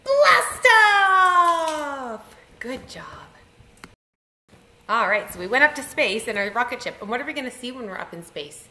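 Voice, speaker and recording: A young woman leading online circle time for children, chanting and singing in an animated, encouraging way. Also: a little high, a little fast. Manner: animated, sing-song, encouraging. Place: home room. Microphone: webcam. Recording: echoey room with faint noise.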